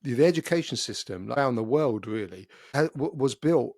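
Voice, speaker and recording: A man's voice: mid-range voice, expressive, a little fast, a little mellow, dry recording, clean studio sound. A middle-aged man hosting a podcast interview, chatty and friendly with a self-deprecating streak. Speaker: podcast host. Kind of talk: casual interview chat.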